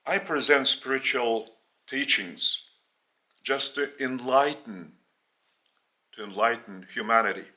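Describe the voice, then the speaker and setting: Speaking English though Lithuanian is his first language, a man with a Lithuanian accent gives a spiritual teaching. He talks very slowly in short, halting phrases, his medium-pitched voice carrying a very bright, forceful edge.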